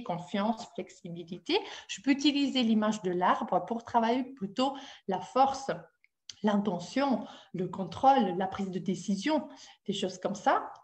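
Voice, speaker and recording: A woman's voice: medium pitch, darkish tone. A woman with an Italian accent leading a webinar as a dance-movement therapist, talking to her audience with many hesitations and questions. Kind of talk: live webinar talk.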